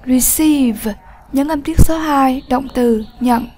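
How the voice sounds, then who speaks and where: High-voiced woman teaching slowly. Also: darkish tone. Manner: slow, clear, patient explaining. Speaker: English teacher. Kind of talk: classroom lesson narration.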